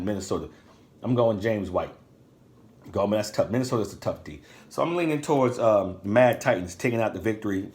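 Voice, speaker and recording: Slangy man thinking aloud. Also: on the low side. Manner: loose slangy talk, thinking aloud with ums. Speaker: podcast host. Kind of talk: casual fantasy football predictions.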